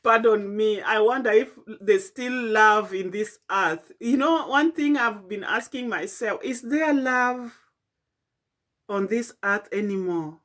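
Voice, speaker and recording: A middle-aged Kenyan woman telling a late-night personal vlog in a tired, halting, reflective way, with many fillers and restarts. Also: mid-range voice, fairly bright tone. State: tired and yawning. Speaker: vlogger.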